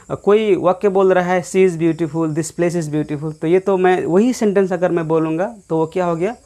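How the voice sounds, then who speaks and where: A man's voice: high voice, a little mellow. A man teaching an English grammar lesson, explaining in Hindi mixed with English and asking his listeners rhetorical questions. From India. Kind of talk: grammar lecture.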